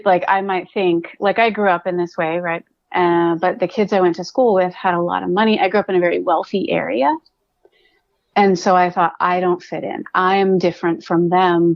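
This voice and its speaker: A woman's voice: fairly low pitch, dry recording. A woman from California, a podcast guest, speaking reflectively and restarting her sentences. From California, USA. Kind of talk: casual conversational interview. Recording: dull, dry lo-fi sound.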